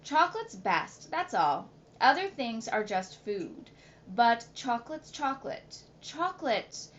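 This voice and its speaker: A woman's voice: fairly high pitch, sing-song, takes it slowly. A woman voicing an eager chocolate-loving boy. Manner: eager, insistent. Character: young boy obsessed with chocolate. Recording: slightly muffled with faint hiss.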